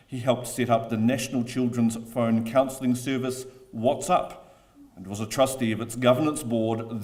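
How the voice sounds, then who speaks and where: A man's voice: medium pitch, a little mellow. A man reading scripted honours citations formally at a ceremony.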